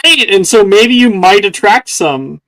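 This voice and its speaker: A woman's voice: mid-range voice, animated, unhurried, a bit bright, low-quality recording. A woman chatting casually in a group, with a teasing, sweary way of talking.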